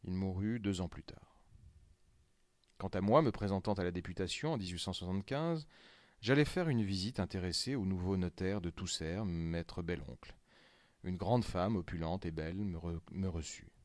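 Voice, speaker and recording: A man narrating a classic story aloud in a measured, deadpan reading. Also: sits low, no room sound.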